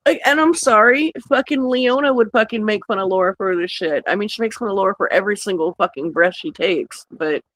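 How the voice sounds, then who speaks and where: A woman's voice: mid-range voice, brisk, few pauses, fairly bright tone, rough recording. A woman co-hosting a casual talk stream, blunt and emphatic, swearing freely as she reacts to clips. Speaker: co-host. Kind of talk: casual profane commentary on clips.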